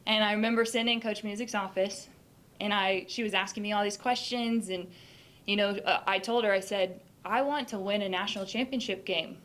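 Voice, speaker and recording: A young woman, a former player, giving a hall of fame acceptance speech with polished presenter diction, her voice leaping up when she gets excited. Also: fairly quick. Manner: animated, leaps up in pitch when excited.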